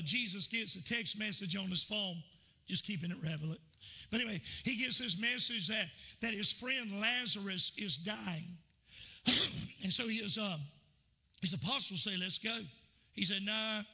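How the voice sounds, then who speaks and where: A male pastor delivers a sermon in a church, speaking in a conversational way and asking his listeners questions. His voice sits high and sounds very bright and sharp. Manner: conversational preacher, asks the congregation questions.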